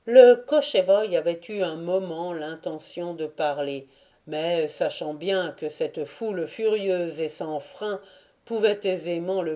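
Slow, dark-toned woman narrator. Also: on the low side. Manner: measured, deliberate reading. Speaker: audiobook reader. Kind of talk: literary audiobook narration.

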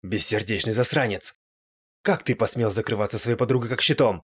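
A man's voice: on the low side, a little fast, husky. A man voicing a gloating, spiteful male ghost in an audiobook, with a raised, strained, taunting voice. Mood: angry.

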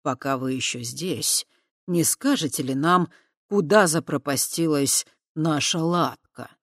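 A reader voicing a calm, kindly fat horned man who speaks softly and deliberately. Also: mid-range voice, dry recording, clean studio sound, close to an everyday voice. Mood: courteous. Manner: slow, soft, measured. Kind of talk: audiobook character voice.

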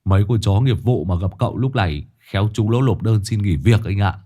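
A man voicing a cheeky young male sidekick who teases in a loud, joking way. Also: on the low side, brisk, lightly acted. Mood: teasing.

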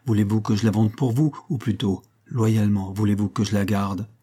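A man reading the lines of a devoted male friend in an audiobook, measured and pleading. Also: on the low side, steady tone, dark tone, slightly rough. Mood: restrained, pleading.

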